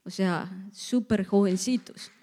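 Woman preaching, mellow, echoey church hall. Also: mid-range voice, slow, slight background noise. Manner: lively, joking asides to the congregation. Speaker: pastor. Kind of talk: sermon.

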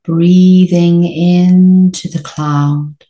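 She guides a sleep meditation in a steady, low and mellow tone, pacing herself very slowly and calmly, letting long silences fall between brief phrases. The acoustics are roomy, with a noticeable echo framing her gentle voice.

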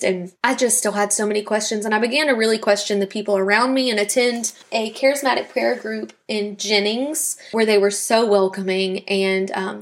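A young woman from South Louisiana telling her personal faith testimony on a podcast in an earnest, reflective way. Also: mid-range voice. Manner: earnest, reflective storytelling with quoted dialogue. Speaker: podcast host.

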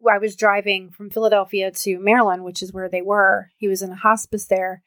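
A woman's voice: mid-range voice, level tone, brisk, fairly bright tone, no echo. Chatty woman podcast guest. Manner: chatty storyteller, many filler "like"s. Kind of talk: casual chat.

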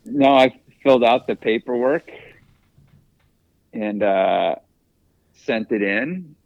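A man's voice: medium pitch, slow, vocal fry, no room sound, lo-fi sound. A man, a track coach, telling stories in a casual interview in a laid-back way, with hesitant fillers. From United States.

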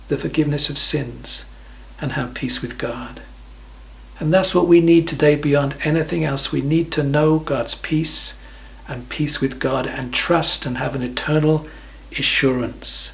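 Gravelly-voiced male preacher reading scripture. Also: on the high side, rough recording. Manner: reads scripture slowly, trails off softly at phrase ends. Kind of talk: sermon.

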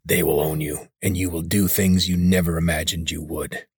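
Male narrator voicing a mutant leader, hoarse, rasping, low and quiet, dry sound. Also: little pitch movement, moderate pace, no echo. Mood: weary.

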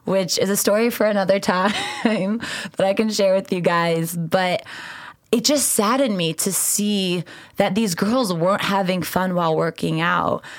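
A woman's voice: medium pitch, no echo, clean studio sound. A woman in her twenties hosting a podcast, telling stories casually in an enthusiastic, earnest way. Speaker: podcast host and founder.

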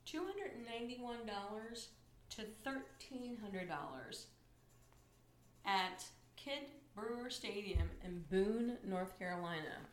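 A woman's voice: mid-range voice, expressive, slow, a little hiss or hum. A woman co-hosting a casual sports chat, talking playfully and exclaiming over ticket prices. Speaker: podcast co-host. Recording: echoey room, faint ambience.

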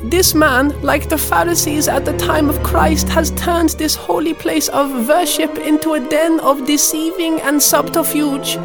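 Woman playing a righteous sermonizing little boy, high voice. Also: steady tone, a little slow, hardly any pauses, over music. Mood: indignant. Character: pompous preachy young boy.

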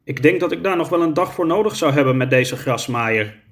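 A man voicing a calm, easygoing drifter in a children's story. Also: a little high, brisk.

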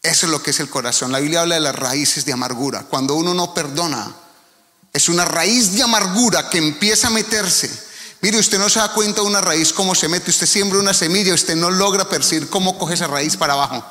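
Colombian preacher guy, bright ringing voice, long hall echo, talks right at the people. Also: on the high side, a little fast. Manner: earnest, directly addressing listeners, emphatic. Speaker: pastor. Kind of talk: sermon.

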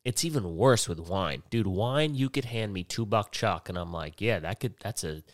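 A man talks alone into his podcast mic, his voice sitting a bit low. He rambles and curses his way through loose, self-mocking chat. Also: animated, moderate pace, dry recording, studio quality. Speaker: podcast host. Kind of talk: casual solo podcast rant. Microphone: headphones and podcast mic.

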